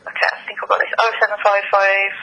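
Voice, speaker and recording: Female call handler heard down a phone line, bright, forward tone, hesitant and noncommittal delivery. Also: mid-range voice, level tone, quick pace, a little hiss or hum. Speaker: call handler taking a complaint. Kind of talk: customer service phone call. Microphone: telephone. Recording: voice over a telephone line.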